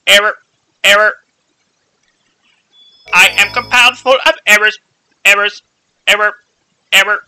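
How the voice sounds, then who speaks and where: A man's voice: high voice, fairly even intonation, a little slow, long pauses, sharp tone, heavily acted. A man voicing a glitching male combat robot that loops commands and error messages while playing a game. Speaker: let's play commentator. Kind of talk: voicing a game character over gameplay.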